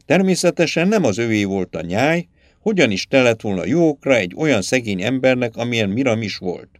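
A male narrator reads a fantasy tale with dramatic flair. His pitch moves in a lively, animated way. The recording is dry and close, with no room sound. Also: no echo. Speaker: audiobook narrator. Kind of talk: scripted storybook narration.

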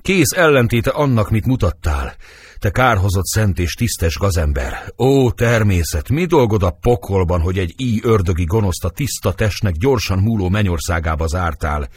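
A desperate young girl pours out grief and fury in dramatic verse, voiced by a man in his own low register. The voice is husky and swings widely in pitch. The sound is dry and close. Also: animated, no echo. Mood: anguished. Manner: impassioned verse reading. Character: young girl Juliet, passionate and anguished.

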